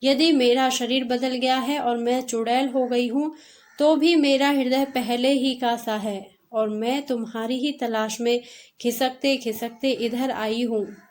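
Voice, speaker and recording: A woman voicing a gentle mother who has returned as a witch, in a read-aloud story, speaking slowly. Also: on the high side, fairly even intonation, lightly acted. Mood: tender.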